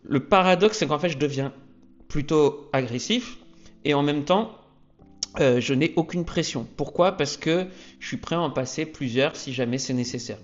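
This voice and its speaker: A man talking casually to camera about trading, energetic and checking in with "ok?" often. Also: on the high side, moderate pace, highs cut off. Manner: energetic, peppers lines with "ok?". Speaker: trading youtuber. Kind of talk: casual explainer talk to camera.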